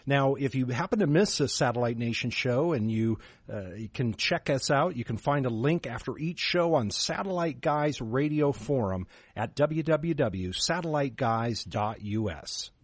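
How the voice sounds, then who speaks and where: A man's voice: mid-range voice, animated, moderate pace, slightly rough, no echo. A man co-hosts a call-in radio show with an upbeat announcing manner, now and then stumbling over an "uh". The sound is dry and close, with no room in it. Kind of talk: casual radio show hosting.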